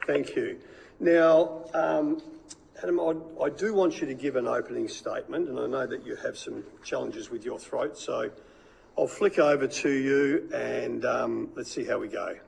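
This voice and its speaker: A man's voice: mid-range voice, unhurried, vocal fry, darkish tone, husky, poor audio. An Australian man chairs a committee hearing in a blokey, informal way, stumbling over the formal wording.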